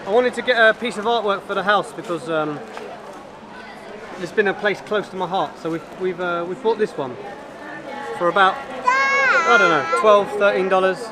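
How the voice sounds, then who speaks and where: A man's voice: high-pitched, moderate pace, pauses often, noisy background. British man vlogging amid crowd chatter. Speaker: travel vlogger. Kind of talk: casual vlog chat. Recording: busy market with crowd chatter. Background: market crowd and urban bustle.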